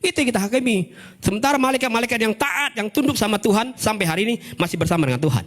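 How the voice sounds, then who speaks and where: A male pastor preaches an animated Sunday sermon in a church service, drawing "amin" from the congregation. His voice sits fairly high for a man, and he often pushes it up into shouts for emphasis. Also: racing.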